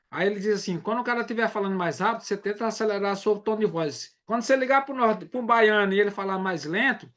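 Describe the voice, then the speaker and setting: A man's voice: sits high, fairly bright tone. A man from Brazil, giving a casual live sales training and often checking in with his audience.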